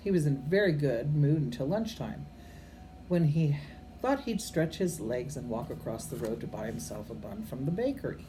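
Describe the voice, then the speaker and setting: An older woman with a rumbling low voice reads a storybook aloud to children like a grandmother, at normal speed, with music playing behind her. Her homely, unpolished delivery is expressive, and she sometimes stumbles over words and corrects herself while making informal asides to the kids. It's a rough, amateur recording with faint background noise.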